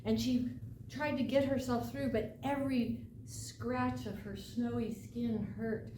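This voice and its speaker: A woman telling a folk tale aloud as a live storyteller, dramatic and deliberate, with emphatic phrases and pauses. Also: on the high side, fairly even intonation. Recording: echoey, distant mic, noisy room ambience.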